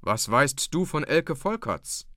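A man voicing a stern, gruff old farmer who talks down to his son, in a lively reading. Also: fairly high pitch, slow pace, dry recording, clean studio sound, exaggerated voice. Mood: sharp.

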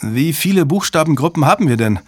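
A man voicing a sharp-minded female cryptographer who reasons aloud and questions others. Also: on the high side, expressive, fast talker, no room sound, voice pushed up. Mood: puzzled.

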